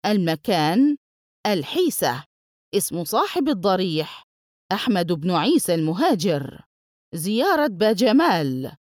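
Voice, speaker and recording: Woman reading a book out loud, even list-by-list delivery, voice moves up and down a lot, dry room. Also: medium pitch, dry recording. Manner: measured, list-like reading of table entries. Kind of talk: reading a nonfiction book aloud.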